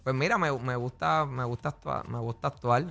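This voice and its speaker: A man with a Puerto Rican accent, a preacher guest on a radio interview, who speaks haltingly and often fills with "verdad" and "este". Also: medium pitch, gravelly, a bit bright, faint music behind. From Puerto Rico.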